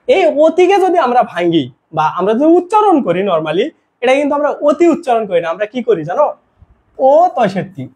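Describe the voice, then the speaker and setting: A man's voice: high-pitched, slightly rough. A young man tutoring students for an admission test in an online grammar lesson, explaining step by step and often asking if they follow. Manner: lively explaining with constant check-in questions.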